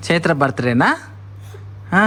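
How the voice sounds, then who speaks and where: A man's voice: medium pitch, normal speed, fairly bright tone, a little hiss or hum. A father, chatting at home with his toddler, coaxing and scolding by turns and repeating words for her. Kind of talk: casual family chat with a toddler.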